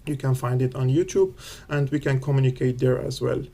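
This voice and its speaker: Earnest man with many pauses. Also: medium pitch, mellow. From Syria. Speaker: guest endorsing the speaker. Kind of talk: recorded video message.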